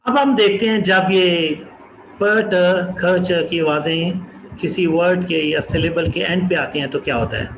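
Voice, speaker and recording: A man from Pakistan teaching a pronunciation lesson, repeating each example word slowly and distinctly. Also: sits high, a bit bright, reverberant, slight background noise, rough recording. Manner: slow, repeats example words carefully and distinctly. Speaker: English teacher.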